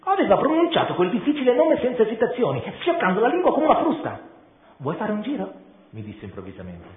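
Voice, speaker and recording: A man reading a story aloud in a playful, expressive way and breaking off for chatty asides. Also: very high voice, quick pace. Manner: playful, animated. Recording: tinny echoey room.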